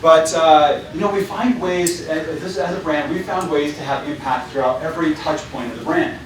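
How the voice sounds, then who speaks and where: A company founder gives a casual presentation to students, his male voice described as on the high side yet also mid-range, at a moderate pace, full of fillers and restarts. He's recorded from far away in a very echoey hall, with heavy echo.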